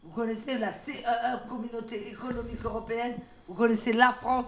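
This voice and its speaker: A woman's voice: on the high side, steady tone, fast talker, a bit bright. A woman improvising freely in a radio workshop, rambling and playing with words and letters. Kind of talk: freewheeling improvised chat.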